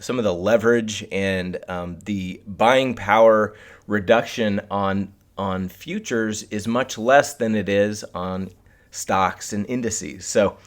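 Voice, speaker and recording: Low-voiced man hosting a casual live stream. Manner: addresses viewers directly. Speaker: host of a live trading webcast.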